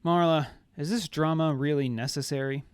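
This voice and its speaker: A man's voice: mid-range voice, sing-song, unhurried, darkish tone, no room sound. A man voicing a cold, bored male mage who speaks in a disinterested drone. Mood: curt.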